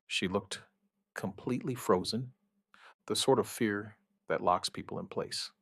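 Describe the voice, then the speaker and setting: Playing a male outbreak survivor and protective partner, a man looks back on the early days of the crisis with a sombre, reflective air. He speaks in a low, gravelly voice, close-miked with no echo, using measured, plain, understated sentences like an apocalyptic audio drama.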